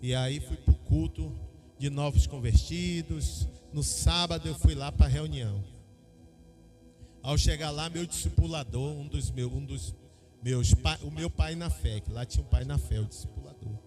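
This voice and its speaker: Brazilian pastor guy preaching, kinda high voice, acts out the dialogue, soft music behind. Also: moderate pace. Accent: Brazilian Portuguese. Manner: animated storytelling, acting out dialogue. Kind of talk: sermon with personal testimony.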